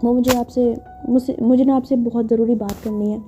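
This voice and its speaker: A woman's voice: on the high side, little pitch movement, a little fast, mellow, soft background music, natural voice. A woman voicing a jealous, sulky young woman in a told story, speaking curtly and hesitantly. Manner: curt and hesitant.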